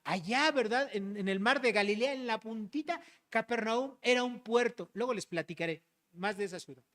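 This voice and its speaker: A pastor delivering an expository sermon to the congregation, explaining verses and addressing listeners as brothers and sisters. The delivery is direct, with frequent rhetorical questions and a checking tag after key points. The voice sits in a middle pitch. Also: normal speed, fairly bright tone.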